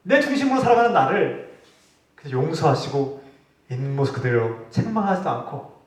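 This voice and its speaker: A man preaching a sermon as pastor, his voice rising for pointed rebukes and falling for quiet points. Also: on the high side, sing-song, moderate pace. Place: church sanctuary. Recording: echoey hall, distant mic.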